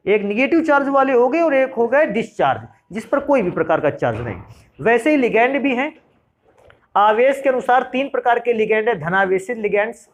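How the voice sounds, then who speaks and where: Middle-aged male chemistry teacher, animated and fairly high-pitched, repeats terms, asks and answers his own questions. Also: muffled recording. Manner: addresses students fondly as "beta"; repeats key terms for emphasis. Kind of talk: classroom lecture.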